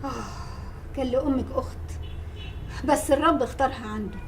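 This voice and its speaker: A woman's voice: sits high, quick pace, slight background noise, natural voice. An actress playing an affectionate but firm older grandmother talking with her granddaughter.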